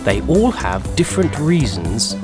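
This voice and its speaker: Lively-toned male narrator over music. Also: mid-range voice, unhurried. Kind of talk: scripted documentary narration.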